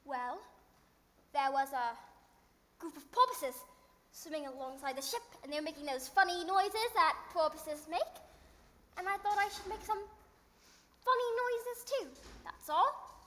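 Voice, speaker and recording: Stage girl, prim and earnest, played by a woman: very high, slow delivery, hall reverb. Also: sharp tone, full character voice. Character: earnest, prim, bossy girl, a lord's daughter. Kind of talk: theatrical stage acting. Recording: echoey theater hall.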